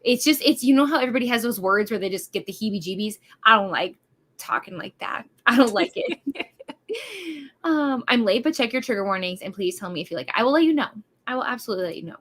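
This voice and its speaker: A woman's voice: on the high side, animated, fast, a bit bright. A woman from Wisconsin hosting a casual livestream, chatty and bubbly, over-caffeinated and hyper, rambling with lots of fillers. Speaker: livestream host.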